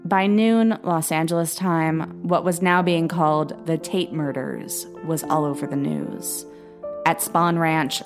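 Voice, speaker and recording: Female true-crime narrator, low voice, grave and steady, light music bed. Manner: measured, grave storytelling with quoted voices. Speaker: podcast narrator.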